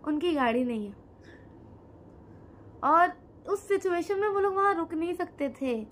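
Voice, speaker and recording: A woman's voice: very high voice, lively intonation, a little slow, a bit bright, slight background noise. A teenage girl narrating a horror story to viewers, chatty and talking straight to them, with dry asides, recorded on a phone at home. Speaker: co-host storyteller. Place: indoor room, on a sofa.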